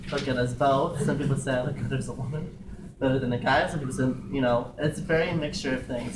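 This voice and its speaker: A man's voice: mid-range voice, noisy background. Man, club member, rambling and self-interrupting; distant mic, echoey room. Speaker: club member, drag performer. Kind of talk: casual group discussion. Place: meeting room.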